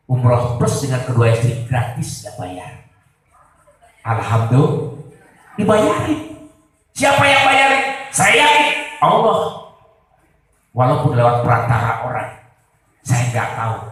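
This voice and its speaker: A man giving a humorous sermon, telling stories and praying aloud dramatically to the audience. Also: medium pitch. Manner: storytelling, addresses the audience often, prays aloud dramatically. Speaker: comedic preacher. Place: live event before an audience. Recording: very echoey, distant live venue.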